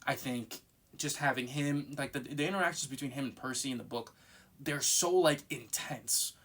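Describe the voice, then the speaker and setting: A man's voice: mid-range voice, a little fast, sharp tone. Nervously rambling man in casual fan commentary. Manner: nervous rambling, circling back and repeating himself.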